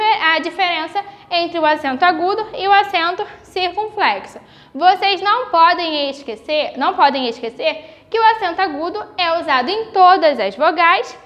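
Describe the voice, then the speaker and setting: A woman with a Brazilian Portuguese accent, teaching young children in a recorded video lesson, slowly stretching out the example words. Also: extremely high pitch, fairly bright tone. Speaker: primary school teacher.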